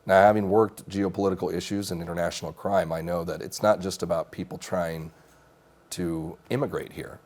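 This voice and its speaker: This man, in his thirties and raised in Mexico, is a congressional candidate giving a TV studio interview on a small set. His voice is low-pitched, steady and a little mellow at normal speed. He answers earnestly and assertively but often restarts sentences.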